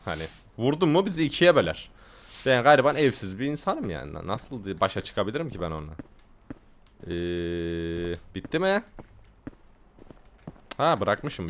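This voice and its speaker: Brief: young male let's-play host, joking, very lively pitch, faint noise in the background. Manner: joking, laughs often, translates game lines aloud. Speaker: gaming video host. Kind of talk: casual let's-play commentary.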